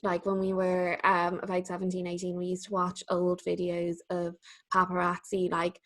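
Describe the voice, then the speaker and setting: A woman's voice: fairly low pitch, completely flat delivery, moderate pace. A young woman in her twenties co-hosting a podcast, chatting casually and swearing freely. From Ireland. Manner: chatty, swearing, laughing often. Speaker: podcast co-host. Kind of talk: casual chat.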